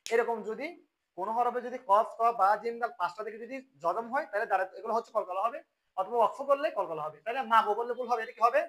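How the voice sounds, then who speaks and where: A man gives a recitation lesson in a high, bright voice. He poses questions to his listeners and answers them himself. He stops often to recite words slowly, as a demonstration. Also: rough recording. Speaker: Quran recitation teacher. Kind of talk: tajweed lesson with recited examples.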